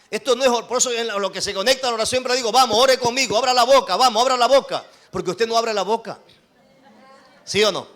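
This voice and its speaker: A man preaching an evangelical sermon to his congregation in Ecuadorian Spanish, swinging between loud calls and quiet asides. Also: very high voice. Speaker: apostle preaching to his church.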